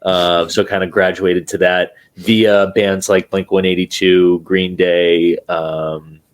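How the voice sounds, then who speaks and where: Deep-voiced and slow, this young drummer from New Hampshire, USA, is being interviewed as a guest over a video call. His talk is casual and relaxed, though halting, full of fillers and restarts.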